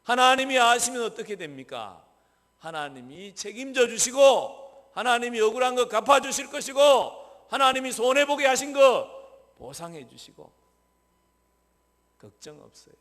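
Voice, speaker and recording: A man pastor preaching a sermon in a church, questioning the congregation and answering himself, dropping from loud emphasis to soft asides. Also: very high voice, sing-song, moderate pace. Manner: swings between loud emphasis and soft, near-whispered asides. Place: church sanctuary. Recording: long reverb of a church hall.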